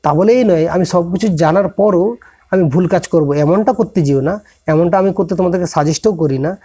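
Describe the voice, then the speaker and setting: Higher-pitched man giving an informal moral talk. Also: a little fast, mellow, slightly rough. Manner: conversational, many restarts and self-corrections, addresses listeners directly. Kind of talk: informal motivational lecture to students.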